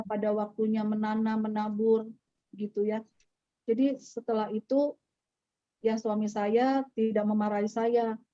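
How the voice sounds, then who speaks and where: A woman's voice: a little high, mellow. A middle-aged woman gives a personal testimony to a church audience. She tells her story conversationally and acts out the dialogue she quotes. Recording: slightly dull, dry recording.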